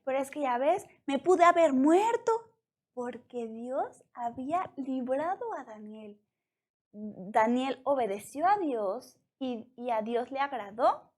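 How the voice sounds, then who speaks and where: Mexican lady telling kids a bible story, high voice, asks them stuff. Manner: animated, asks the listener questions. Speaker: children's devotional teacher.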